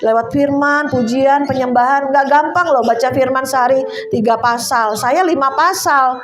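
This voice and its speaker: A woman's voice: sits high, normal speed. An older woman giving a sermon, telling stories in a conversational, emotional way and laughing now and then. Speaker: preacher. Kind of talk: sermon testimony. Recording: faint music behind. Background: soft instrumental music.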